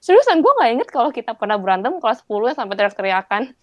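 A woman's voice: on the high side, racing, no room sound. Dry-sounding woman podcast co-host. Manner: relaxed, explanatory, wraps up the episode. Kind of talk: casual chat.

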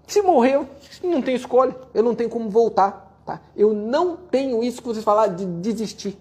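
A man giving a blunt, profane motivational rant while answering viewer questions, forceful and mocking toward complainers. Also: very high-pitched, animated, a little fast. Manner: forceful, profane, mocks complainers in whiny voices.

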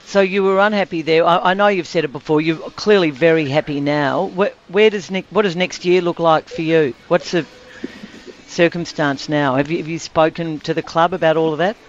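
A man's voice: fairly high pitch, fairly even intonation, moderate pace, a little hiss or hum. An Australian man working as a radio sports interviewer, putting questions in a conversational style. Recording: muffled radio audio.

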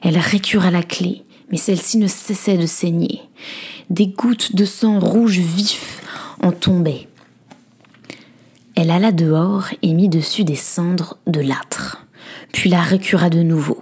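A woman host reading a dark fairy tale aloud in a soft, breathy, often whispered storytelling voice. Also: fairly low pitch, unhurried. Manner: hushed, dramatic.

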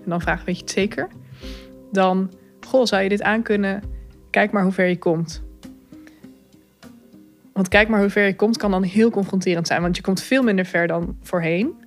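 A woman's voice: medium pitch, fairly even intonation, moderate pace, pauses often, faint music behind. Candid Dutch-speaking woman, reflective. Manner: thoughtful, candid, many fillers, soft laughs. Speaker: communications adviser telling her story. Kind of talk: personal account, reflective.

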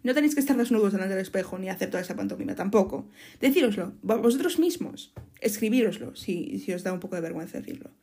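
A woman's voice: medium pitch, lively intonation, fast talker, dark tone, breathy edge. A young woman with a Spanish accent from Spain, hosting a casual podcast monologue in a frank, chatty way, often restarting and correcting herself. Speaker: podcast host.

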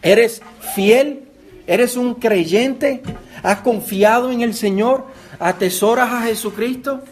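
A man with a Puerto Rican accent delivers a sermon in a fairly high voice. He preaches earnestly, repeating words and turning to his listeners with direct questions. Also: takes it slowly. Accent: Puerto Rican Spanish. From Puerto Rico. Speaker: pastor.

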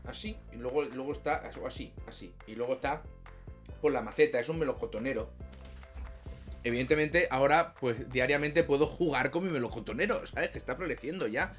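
A man's voice: mid-range voice, fairly quick, faint music behind. A man from chatting casually in a rambling, self-mocking way, swearing often as he wraps up a vlog. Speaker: YouTuber.

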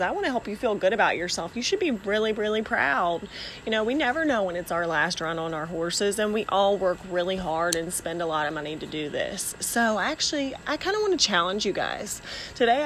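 A woman's voice: medium pitch, fairly bright tone. A woman giving a casual, encouraging talk to her followers in an earnest, informal way, recorded outdoors. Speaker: podcast host and barrel racer. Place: outdoors, near dogs and horses. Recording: outdoor background noise.

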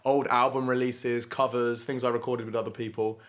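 A man in his late twenties chats casually on a podcast, rambling and wry. His voice sits at an ordinary middle pitch. He pokes fun at himself as he talks. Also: level tone, fairly quick. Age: 20s. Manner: rambling, wry, self-deprecating. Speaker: podcast co-host. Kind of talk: casual chat.

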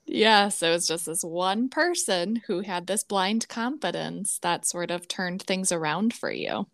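A woman's voice: lowish voice, a little slow, fairly bright tone. Encouraging woman interview host. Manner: encouraging, brief affirmations. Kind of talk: conversational interview.

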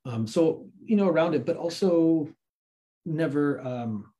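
On poor audio, the Santa Cruz-raised American film worker talks a little slowly in a slightly high voice. As an interview guest he recounts a personal story informally, animatedly performing the quotes.

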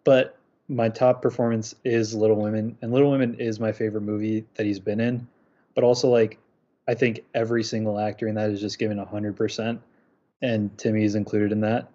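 A young man hosting a podcast, talking through his rankings in a casual, measured way. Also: fairly low pitch, flat delivery, dark tone. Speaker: podcast host. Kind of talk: casual chat. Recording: muffled lo-fi audio.

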